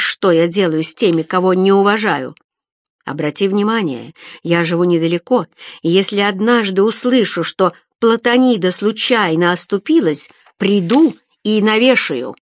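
A woman voicing a calm, steady man who drawls his words slowly and threatens quietly. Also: medium pitch, no room sound, clean studio sound, close to an everyday voice. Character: cool, steady adult male stranger.

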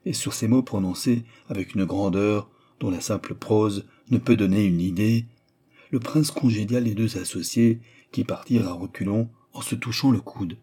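Man reading an audiobook, steady, measured, dark mellow tone, husky. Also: fairly low pitch. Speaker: audiobook narrator. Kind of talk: audiobook narration.

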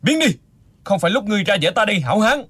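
A woman's voice: medium pitch, very animated, very fast, a bit bright, breathy edge, no room sound, clean studio sound. A woman voicing a harsh young male martial disciple who speaks coldly and with contempt. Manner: cold and contemptuous.

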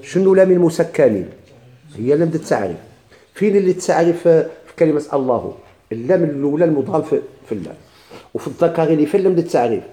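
A man with a Moroccan Arabic accent teaching a recitation class. He asks the class questions, answers them himself, and repeats words slowly with many restarts. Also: fairly high pitch, big pitch swings, dark tone. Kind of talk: classroom lesson explaining a text.

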